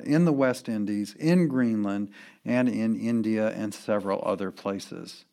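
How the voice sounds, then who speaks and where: Man, gravelly voice, earnest church history lecture, emphatic, lists points one by one. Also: mid-range voice, darkish tone.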